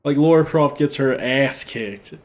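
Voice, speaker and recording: A man chats casually through a video game playthrough. He sounds offhand and rambling, in an ordinary mid-range pitch, with the game's music clearly audible behind him. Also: measured pace. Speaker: gameplay commentator.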